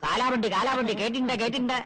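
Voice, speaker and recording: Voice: mid-range voice, steady tone, very fast, crowd noise, lightly acted. An actor playing an older, sentimental and gullible elder of a noble family in a film comedy. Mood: curious. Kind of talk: Malayalam film comedy acting.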